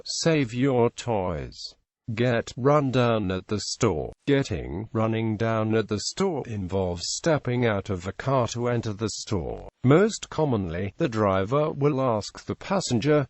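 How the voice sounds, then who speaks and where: A man narrating a scripted reference article, reading word by word with pauses between items and voicing the punctuation. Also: mid-range voice, a little mellow, no room sound. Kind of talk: scripted narration, read aloud verbatim.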